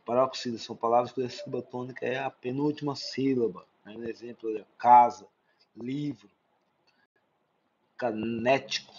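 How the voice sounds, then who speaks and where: A man's voice: medium pitch, fairly even intonation, moderate pace, darkish tone, slightly rough, lo-fi sound. A male Brazilian teacher giving an exam-prep lesson, explaining with lists of examples and often asking "né?" to check understanding. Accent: Brazilian Portuguese.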